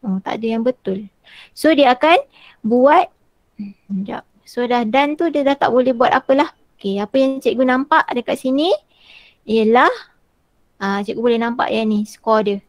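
A woman teacher, demonstrating a tool in an online workshop and filling pauses with "ah" over a video call. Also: a little high, no room sound. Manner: chatty, frequent "ah" fillers while walking through screens.

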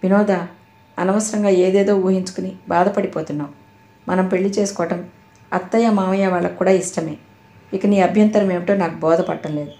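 Lady reading as an earnest guy begging for love in an audio novel, mellow low-key voice, roomy echo. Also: fairly even intonation, fairly quick, natural voice. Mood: insistent. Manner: insistent, pleading. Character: earnest middle-aged man pleading his love.

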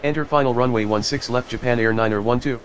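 A man voicing an airline pilot who reads back clearances over the radio in clipped, even calls. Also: mid-range voice, fast talker, noisy background. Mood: routine. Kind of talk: air traffic radio calls in a game.

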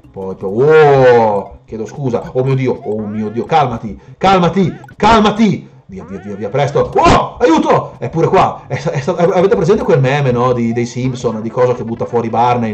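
A man commenting live on a video game he is playing, excitable and swearing, yelping and joking at what happens on screen. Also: medium pitch, normal speed, dull audio. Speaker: streamer. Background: game music.

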